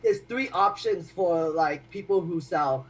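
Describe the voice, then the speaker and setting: A man's voice: high-pitched, lively intonation, measured pace, breathy edge, low-quality recording. A man on a casual stock-market live stream who explains things step by step.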